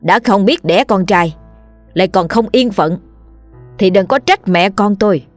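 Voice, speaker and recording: A woman's voice: mid-range voice, expressive, fairly quick, no room sound, faint music behind, close to an everyday voice. A woman voicing a harsh, scornful older mother-in-law who berates her daughter-in-law, in a narrated ghost story.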